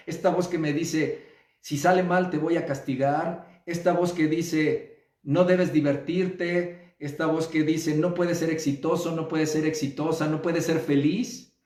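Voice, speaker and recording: Mexican male therapist, slightly high voice, heard from a distance in a roomy, echoey space. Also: a little mellow. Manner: measured, repeats phrases, checks in with listeners. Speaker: psychotherapist. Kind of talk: reflective live talk. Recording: roomy echo, distant mic.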